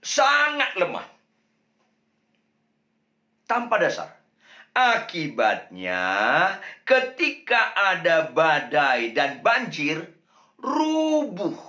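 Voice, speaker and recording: A man's voice: huge pitch swings, extremely slow, pauses often, pushed and bright, echoey room. A man with an Indonesian accent preaching a sermon as pastor, emphatic, repeating key phrases for weight. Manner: emphatic preaching with repetition and pitch swings. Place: church sanctuary.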